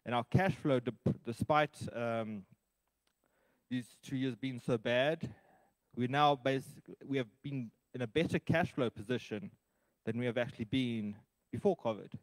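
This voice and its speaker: A man giving a church's financial report, halting with many ums between the items. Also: mid-range voice, dry recording, rough recording.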